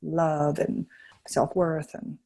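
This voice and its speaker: A woman's voice: low-pitched, flat delivery, slow pace, gravelly, dark tone. A woman astrologer talking casually on a podcast, rambling and searching for words, with frequent laughs. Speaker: astrologer guest.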